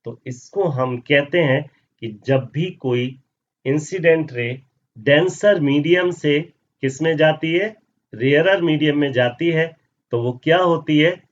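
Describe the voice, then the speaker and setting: Guy teaching physics, keeps asking then answering, kinda dull lo-fi audio. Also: medium pitch. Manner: asks questions then answers them himself; mixes Hindi with English terms. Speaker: science teacher. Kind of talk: classroom lesson explaining over slides.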